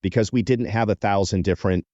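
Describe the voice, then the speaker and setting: A man co-hosting a podcast in casual chat, an animated storyteller who laughs often. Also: lowish voice, quick pace, no room sound, dull audio. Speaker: podcast co-host.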